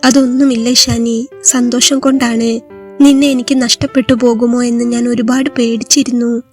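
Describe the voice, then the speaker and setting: Gentle, loving young husband in a storybook, read by a woman, soft-spoken, even and level delivery. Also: very high voice, moderate pace, soft background music. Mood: tender. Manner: soft, affectionate speech.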